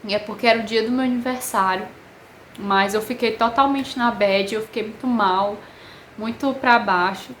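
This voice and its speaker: A woman with a Brazilian Portuguese accent, telling a personal story to camera in an emotional, halting way with many pauses. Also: fairly high pitch, fairly even intonation, slight background noise. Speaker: vlogger. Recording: echoey room with faint ambience.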